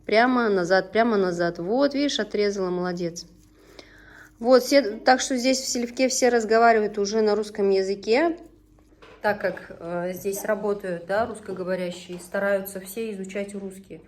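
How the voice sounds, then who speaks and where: Cooking in her home kitchen, a vlogger and mother from Tatarstan, in her thirties with Tatar as her first language, talks in a chatty, homely way. She frequently stops to give her children instructions, speaking at a moderate pace in a mid-range voice.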